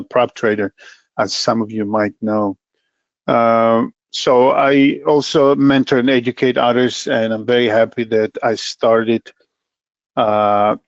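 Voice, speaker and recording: A middle-aged man presenting a trading webinar as an account manager, talking plainly with many pauses and fillers and a dry sense of humor. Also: medium pitch, no room sound. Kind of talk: educational market webinar. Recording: dull lo-fi dry webinar audio.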